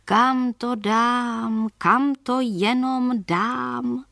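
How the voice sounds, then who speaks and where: A woman voicing the desperate ghost of a cruel man, moaning in long drawn-out words. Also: a little high, fairly even intonation, gravelly, fairly bright tone, dry recording, voice pushed up.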